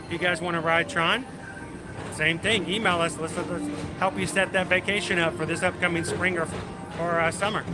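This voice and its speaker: A man's voice: sits high, steady tone, normal speed, loud music behind the voice, poor audio. A man hosting a casual livestream, chatting directly to his viewers. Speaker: livestream host and travel agent. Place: outdoors in a busy theme park. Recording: loud outdoor theme park noise. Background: ride announcements, vehicles, park ambience.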